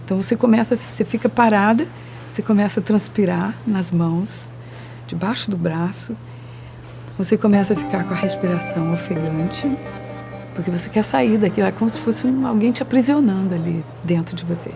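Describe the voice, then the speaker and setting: A woman giving a personal testimony in a documentary, speaking haltingly as she searches for words. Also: mid-range voice, creaky, over music. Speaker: interviewee sharing personal experience.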